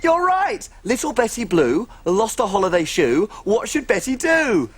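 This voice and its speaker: A man's voice: sits high, sing-song, a little slow, no room sound, heavily acted. A man playing a tiny, cheerful, eager little cook in a children's show, with an exaggerated, enthusiastic sing-song delivery. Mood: eager, excited. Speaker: children's TV presenter. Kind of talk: playful children's show presenting and storytelling.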